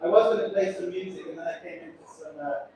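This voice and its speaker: Crowd noise and echo fill the ship's large atrium as a fast-talking cruise captain from Ireland, with a high-pitched voice, makes a chatty announcement to passengers. He jokes throughout and is self-deprecating, and the recording catches him from far off.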